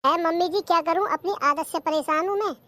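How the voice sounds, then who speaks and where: A performer voicing a lazy, cheeky young daughter-in-law in a cartoon comedy, who answers back. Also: female voice, very high-pitched, a little fast, bright, forceful tone.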